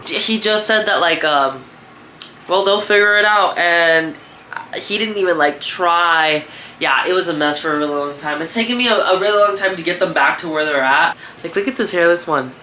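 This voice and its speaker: Faint music plays behind a congested young vlogger whose high-leaning voice is bright and forceful at a moderate pace. Rambling and swearing, he chats with viewers as he shows off his rat shed. He breeds reptiles and rats, and this casual show-and-tell is recorded in an echoey shed.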